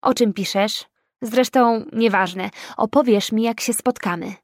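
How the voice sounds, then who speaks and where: A woman's voice: a little high, measured pace, no echo, clean studio sound, lightly acted. A woman reading as a needling young woman friend. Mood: teasing. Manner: ironic, needling, pushy.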